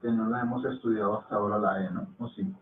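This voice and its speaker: Patient teacher, tinny line. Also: male voice, fairly low pitch, fairly even intonation, a little hiss or hum. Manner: patient, explains slowly and checks understanding with frequent "¿sí?". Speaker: Hindi teacher. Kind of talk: online language class.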